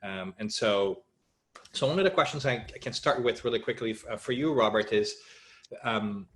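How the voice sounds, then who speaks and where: A man's voice: fairly low pitch, normal speed, fairly bright tone. A man moderating a panel, thanking a speaker and moving on to questions.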